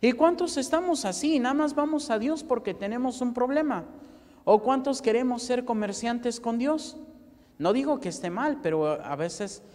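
A man's voice: extremely high pitch, lively intonation, moderate pace, a little mellow, in a large hall. A Mexican priest preaching a sermon, firing rhetorical questions and acting out the pleas of his parishioners.

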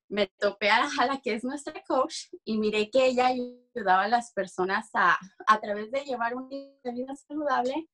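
A young adult woman from Durango, Mexico, speaking with a Mexican accent, gives a personal testimony during a video call from a small room at home. Her voice is on the high side and a bit bright, and she halts in conversation as she searches for words.

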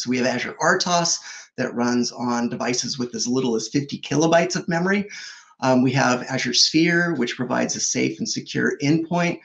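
A product executive in his forties joins by webcam from his home office, explaining products in a fluent, upbeat, conversational keynote full of fillers. His mid-range voice has vocal fry and a fairly bright tone. The audio quality is poor.

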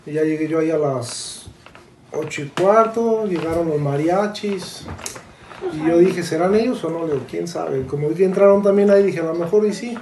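A woman recounting events in relaxed casual chat, going through each conversation step by step. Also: fairly low pitch, moderate pace, echoey room, a little hiss or hum. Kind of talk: casual storytelling.

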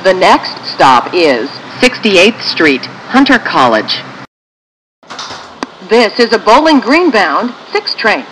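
A woman with an American accent reads scripted train station announcements in measured, formulaic phrases. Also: medium pitch, a bit bright, slight background noise, rough recording.

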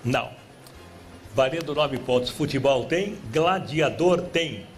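Hosting a live game show in a TV studio full of spectators, a Brazilian man speaks with a medium pitch and lively intonation in a Brazilian Portuguese accent. He reads the clues unhurriedly and teases the women playing, over soft background music and clear studio noise.

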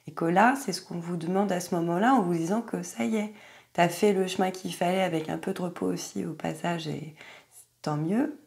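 A woman giving an astrology card reading, talking gently and hesitantly with many fillers. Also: on the low side. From France. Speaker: tarot card reader.

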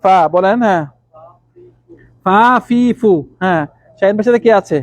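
Man, Arabic teacher, high voice, slow repeated letter sounds, calls on students, dry recording. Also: darkish tone, no echo. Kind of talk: classroom Arabic letter drill. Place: classroom with students.

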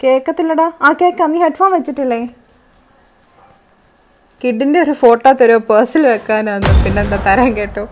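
A woman's voice: fairly high pitch, moderate pace, long pauses, a little mellow, soft background music. A young woman, chatting and teasing as she streams a game for her viewers. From Kerala. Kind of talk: live gameplay stream chat.

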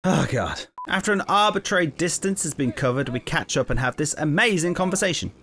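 Animated, sardonic male game reviewer. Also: fairly high pitch, a little fast, background noise. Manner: sardonic, exasperated, sweary. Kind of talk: sarcastic gaming commentary.

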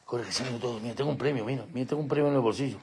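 A man talks rapid-fire into a handheld phone while hosting a casual live stream outdoors at night with his dogs, and there's a little hiss or hum. Coaxing and playful, he breaks into high, excited calls to the dogs.

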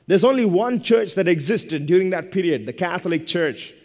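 Long reverb fills the indoor church as a pastor in his thirties gives a sermon from the lectern. He speaks at normal speed in a high-pitched, darkish voice with lively intonation, driving points home through short, repeated phrases.

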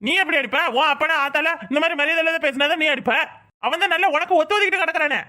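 A strict old grandfather in a cartoon, voiced by a woman with a southern Tamil accent. The voice sits high and bright, and he rattles off threats and complaints about how the children are raised. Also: racing. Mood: scolding. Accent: southern Tamil Nadu, Tirunelveli-Kanyakumari. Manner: scolding, threatening. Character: old grandfather, stern and scolding.

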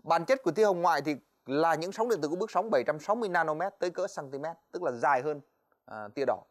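A man teaching physics in a televised exam-review lesson, talking to students in a chatty way with many fillers and quick checks for understanding. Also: fairly high pitch, expressive. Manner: quick, chatty, stops often on "đấy" and "ờ"; addresses students directly, asks "right?".

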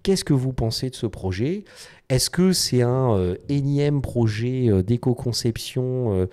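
A man's voice: mid-range voice, lively intonation, measured pace, a little mellow. A man hosting a design video, explaining casually to the camera with many fillers and restarts.

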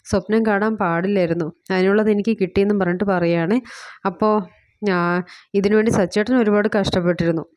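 A woman's voice: medium pitch, dark tone, dry recording, studio quality. A woman chattily retelling a TV serial episode, quoting the characters as she goes. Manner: chatty, fillers like "kettō", quotes characters inline. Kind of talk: casual spoken recap of a TV serial.

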